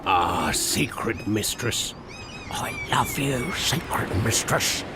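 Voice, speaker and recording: Gruff old ghostly fisherman, swooping pitch. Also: wildly swooping pitch, slow, noisy background. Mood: fond, conspiratorial. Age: older. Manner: gruff old fisherman talk, salty and hearty. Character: gruff old ghostly sea dog, fond and scheming. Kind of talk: video game character acting. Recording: music behind the voice.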